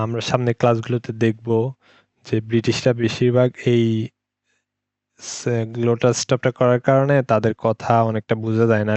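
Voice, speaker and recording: A man's voice: mid-range voice, darkish tone, no echo. A man whose first language is Bengali, teaching English pronunciation and patiently repeating each sound several times. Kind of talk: language lesson.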